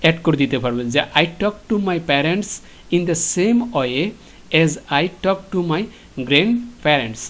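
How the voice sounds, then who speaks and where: A man teaching an English lesson to schoolchildren, explaining patiently with frequent filler pauses and repeated questions. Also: a little high, fairly bright tone.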